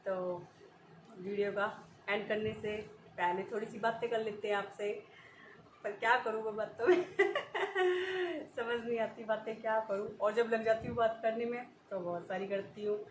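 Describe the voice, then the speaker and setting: A woman's voice: a little high, unhurried. Giggly chatty woman in an echoey room. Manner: chatty, giggly, rambling storytelling. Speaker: vlogger. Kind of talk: casual chat to viewers. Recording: echoey room with faint ambient noise.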